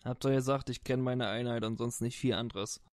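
A brutal, foul-mouthed soldier, played by a man running a tabletop game shrugs off questions with swearing and slang. His voice sits at an ordinary middle pitch. The sound is dry and close. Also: fairly even intonation, a little fast, a little mellow, no room sound, natural voice. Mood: dismissive. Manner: vulgar, swearing, slangy and dismissive. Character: crude foul-mouthed male soldier under interrogation. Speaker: game master voicing a character. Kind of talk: tabletop role-play in character.

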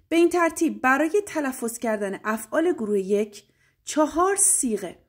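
A Persian-speaking woman teaching French grammar to beginners, explaining clearly and repeating French phrases slowly, several times over. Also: a little high. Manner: slow, deliberate drilling of French phrases, repeated three times. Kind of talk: online language lesson.

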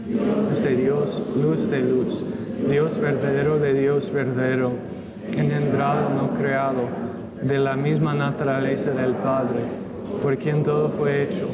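A man, a priest leading Mass, recites the creed and prayers in a liturgical style inside a large church. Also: medium pitch. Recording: very noisy church recording.

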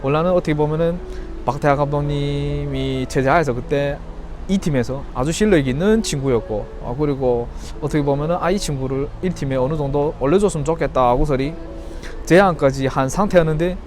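A man's voice: fairly high pitch, fairly quick, darkish tone, a little hiss or hum. A man from Yanbian with a Chinese Korean accent giving an earnest, critical, unscripted opinion commentary as a YouTuber, often posing rhetorical questions. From Yanbian, China. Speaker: YouTuber and football fan commentator.

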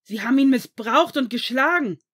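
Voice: medium pitch, brisk, natural voice. Reader doing a man, potions master, angry, protective, cutting tone, storybook reading. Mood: furious. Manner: cutting, indignant, shouting at times. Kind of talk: audiobook reading of fan fiction.

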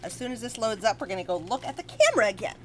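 A woman co-hosting a podcast at home, chatting casually with a friend, loud, teasing and swearing. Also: fairly high pitch, big pitch swings, rapid-fire, heavy background noise. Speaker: podcast co-host. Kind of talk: casual chat. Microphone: shared desk mic at home.

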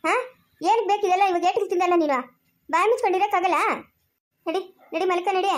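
Acting in an amateur family drama, this woman voices a stern village mother who berates her little boy through repeated questions. She speaks at an extremely high pitch, fairly quickly, with mostly even intonation.

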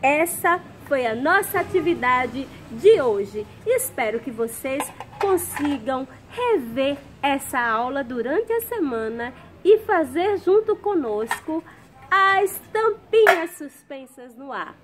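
High-voiced woman teaching kids music. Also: sing-song, slow. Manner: gentle, patient, explains step by step. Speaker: music teacher for young children. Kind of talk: children's music lesson. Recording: noisy background.

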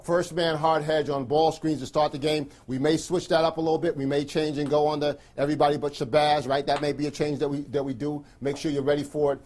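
A middle-aged man acts as a basketball coach giving a pregame team talk in a small, carpeted indoor locker room. His voice sits on the high side with a level tone and a slightly mellow quality. He talks fast with few pauses, firing off emphatic, clipped instructions and often checking in with "right?"

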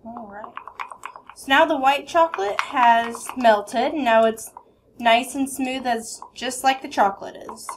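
A woman's voice: sits high, measured pace, background noise. A young woman gives simple instructions during a cooking demonstration in a kitchen. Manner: simple instructions while working. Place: home-style kitchen.

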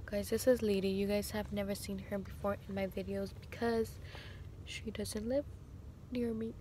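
A woman's voice: medium pitch, level tone, moderate pace, mellow, a little hiss or hum. A young woman chatting casually to camera as a vlogger, recorded on a phone held at arm's length inside a car. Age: young adult.

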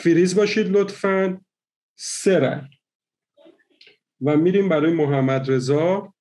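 A man hosting an online party game, counting out votes slowly and methodically. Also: fairly high pitch, a little mellow. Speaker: game host.

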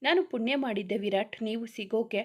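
Wistful teary young wife in a storybook, read by a woman, soft and hurt. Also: a little high, a little fast, lightly acted. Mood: tearful. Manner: tearful, wistful. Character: sad young wife missing her parents.

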